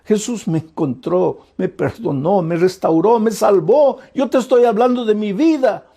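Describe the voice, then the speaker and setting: A man voicing a young woman who pleads tearfully with her parents, speaking softly in a hushed, pleading way. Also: high voice, unhurried.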